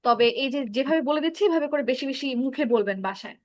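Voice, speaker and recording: Woman, Bangladeshi accent, online class teacher, high voice, dry close sound. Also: lively intonation, fast, darkish tone, no room sound. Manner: instructive, mixes Bengali and English. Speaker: English speaking teacher.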